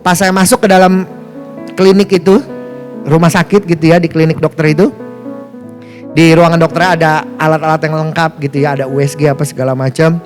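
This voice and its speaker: A man's voice: steady tone, fairly quick, faint music behind. A male pastor telling a personal story in a sermon, casual speech, playful and chatty, asking the congregation questions and acting out what others said. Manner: acts out quoted voices with sharp pitch jumps. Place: church hall, music behind.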